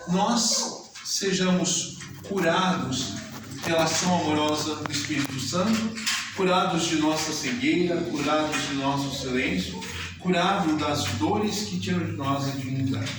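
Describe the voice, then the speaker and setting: A man with a Brazilian Portuguese accent preaching a sermon in a slow, measured way with deliberate pauses. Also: fairly high pitch. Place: church hall. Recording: very echoey church from a distance, audible noise.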